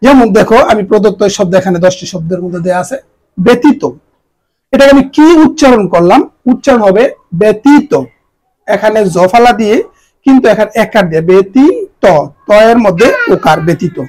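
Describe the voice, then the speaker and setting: A man teaching a grammar lesson to students, spelling out the pronunciation of words slowly, letter by letter. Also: sits high, animated, a little mellow, poor audio. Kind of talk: exam-prep grammar lesson.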